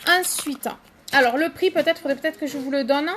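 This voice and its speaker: A woman's voice: high-pitched, fairly quick, a bit bright, a little hiss or hum. A woman hosting a casual live stream, chatting to viewers by name and showing makeup products, with many fillers.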